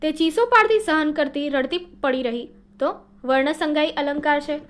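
Woman teacher with a high voice reading out workbook answers, steady and explaining, fixes little slips. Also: moderate pace. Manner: steady, explanatory reading with small self-corrections.

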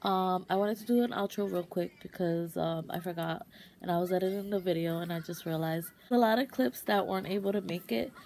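A woman's voice: on the low side, brisk, vocal fry. A young woman chatting casually to her phone camera in a vlog. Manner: chatty, relaxed, talks straight to camera. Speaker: vlogger. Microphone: phone camera at arm's length. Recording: noisy phone recording.

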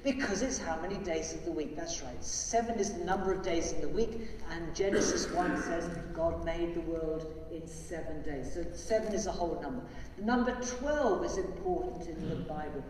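An older priest at the lectern of a large church offers liturgical prayer and gently, simply addresses children, his voice mellow and dark yet on the high side at normal speed. Picked up by a lectern mic far from the camera, the sound is roomy and distant with a long church echo and slight background noise.

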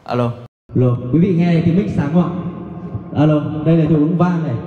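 A man selling a karaoke mixer, his voice drenched in digital karaoke echo as he checks the mic, counts and pitches eagerly, heard through speakers from some distance. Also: brisk. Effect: heavy digital karaoke echo from the mixer. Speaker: shop seller demonstrating a karaoke mixer. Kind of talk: sales demo with mic checks. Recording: echoing speaker sound from far off, dull and lo-fi.

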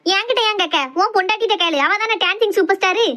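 A woman playing a shrill accusing Kanyakumari sister-in-law. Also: fast talker, pushed and bright. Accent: Kanyakumari Tamil. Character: sharp-tongued young sister-in-law, loud and accusing. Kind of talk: family comedy skit.

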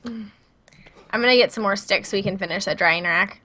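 A woman with a Midwestern American accent chats casually while streaming a co-op video game. Her mid-range voice is brisk, pushed and bright.

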